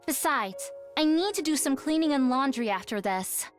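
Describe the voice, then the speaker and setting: A sweet, caring young girl speaks gently but firmly, fussing over a sick friend. Her voice sits high and bright with cheer. Soft game music plays faintly behind her. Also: expressive, moderate pace. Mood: gentle. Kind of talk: game voice acting.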